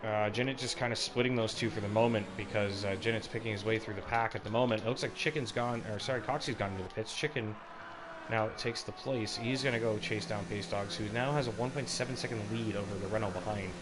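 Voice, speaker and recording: A man's voice: fairly low pitch, steady tone, fast, background noise. A man doing live motorsport commentary, calling the race action as it unfolds. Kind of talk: live sim racing commentary.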